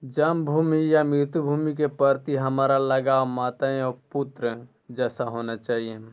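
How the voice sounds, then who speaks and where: A man teaches a school lesson at an unhurried, deliberate pace, repeating each phrase so his students can follow. He clears his throat now and then as he talks. The sound is thin and tinny, like a phone line. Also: medium pitch, level tone. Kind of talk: explaining a school textbook lesson.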